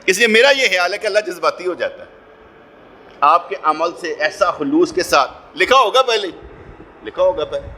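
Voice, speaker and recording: A middle-aged man with a Punjabi accent delivering a Friday sermon, telling stories and acting out voices, moving between loud calls and hushed asides. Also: sits high, animated. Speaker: preacher.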